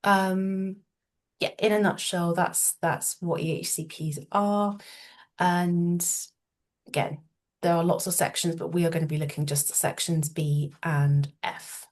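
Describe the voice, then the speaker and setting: Slightly nasal from a cold, an English-accented woman who works as a solicitor delivers an informative talk. Her voice is on the low side with fairly even intonation, and her measured speech is full of ums and restarts.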